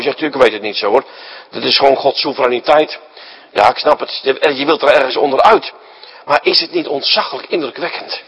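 Male preacher, sermon, husky, lively pitch and raised tone, rhetorical questions. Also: low-quality recording. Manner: animated, rhetorical questions, acts out the story; swings between loud emphasis and quiet asides. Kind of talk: sermon to a congregation.

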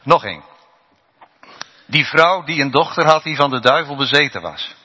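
A man preaching a sermon to his congregation, swinging between loud raised passages and low hushed ones. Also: expressive, normal speed, breathy edge. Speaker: pastor. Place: church. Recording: dull lo-fi church recording with long reverb.

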